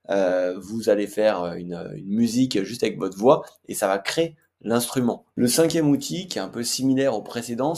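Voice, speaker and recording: A man's voice: medium pitch, darkish tone. A man hosting a casual screen-share tutorial, chatty and hesitant with frequent fillers. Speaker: tech tutorial host.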